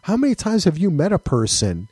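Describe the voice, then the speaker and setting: A man with a slightly husky voice co-hosts a casual podcast, his pitch swinging up and down as he gets animated. He swears freely, laughs mid-thought and keeps restarting sentences. The sound is close and dry. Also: brisk, dry recording. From United States. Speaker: podcast co-host.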